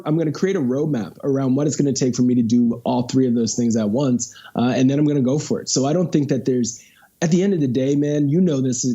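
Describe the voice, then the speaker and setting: A man's voice: medium pitch, dark tone, husky, dull audio. A man of thirty, a guest entrepreneur, telling his story with energy and lots of "I was like" asides. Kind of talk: casual interview chat.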